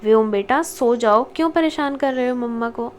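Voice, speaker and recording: A woman's voice: a little high, normal speed, darkish tone, a little hiss or hum, lightly acted. Woman reading as a curt, scolding young wife. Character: sharp-tongued young wife and mother. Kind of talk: audiobook character reading.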